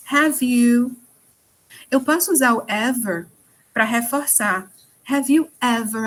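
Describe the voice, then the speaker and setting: A woman with a fairly high voice and a Northeastern Brazilian accent, lecturing a class on English grammar. She walks through each point step by step, switching between her own language and English examples, and plays out little dialogues to show them. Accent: Northeastern Brazilian (Ceará). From Ceará, Brazil. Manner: explains step by step, mixing in English example sentences. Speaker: English teacher.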